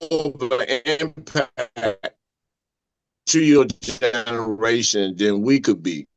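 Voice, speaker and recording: A man co-hosting a podcast who speaks haltingly and repeats his words. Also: medium pitch, dry recording. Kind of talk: casual podcast conversation. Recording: dry, dull lo-fi audio.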